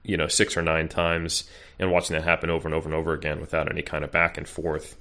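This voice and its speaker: A man with a strikingly deep voice talks through his story in a relaxed podcast conversation. He rambles, stacking fillers and restarting his sentences as he goes. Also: fast talker. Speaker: podcast guest, bodybuilding coach. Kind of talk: casual interview chat.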